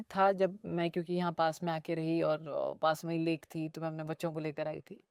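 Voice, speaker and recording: Animated woman activist. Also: medium pitch, dry recording, clean studio sound. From North India. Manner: animated and expressive, with playful asides. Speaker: lake restoration activist. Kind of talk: conversational interview storytelling.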